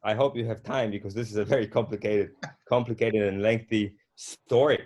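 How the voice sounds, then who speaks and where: Middle-aged man, lowish pitch, easygoing guest telling a long story. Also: steady tone, a little mellow. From Poland. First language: Polish. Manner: unhurried, with frequent fillers and restarts. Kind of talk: casual conversational storytelling.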